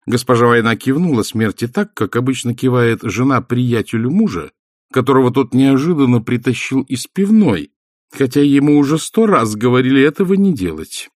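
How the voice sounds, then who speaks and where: A man narrating an audiobook in an expressive, storytelling manner. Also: medium pitch, normal speed, no echo, clean studio sound. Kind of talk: scripted narration.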